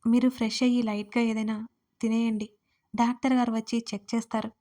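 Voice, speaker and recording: A woman voicing a brisk, impatient hospital nurse who talks in a curt, businesslike way. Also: a little high, little pitch movement, dark tone, close to an everyday voice.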